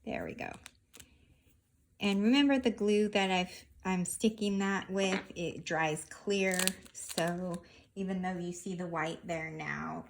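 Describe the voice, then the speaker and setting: Slow-paced woman giving a craft tutorial. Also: fairly low pitch, vocal fry. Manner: unhurried, narrating each hand movement as she works. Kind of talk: casual step-by-step craft demonstration.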